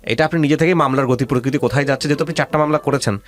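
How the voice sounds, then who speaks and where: On a life-story show, a male radio host speaking with a Bangladeshi accent gives a guest advice in an insistent, questioning manner, slipping in English phrases. His medium-pitched voice comes out rapid-fire.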